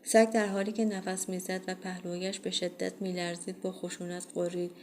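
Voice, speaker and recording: A woman reading a first-person horror audiobook in a steady, measured way. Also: fairly low pitch, slight background noise. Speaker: audiobook reader.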